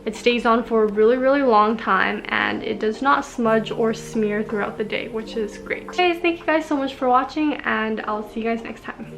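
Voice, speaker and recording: A woman's voice: fairly high pitch, normal speed, gravelly, few pauses, a bit bright, soft background music. A young woman from Taiwan, a beauty vlogger chatting casually to a close camera in a small bedroom, upbeat and filler-heavy.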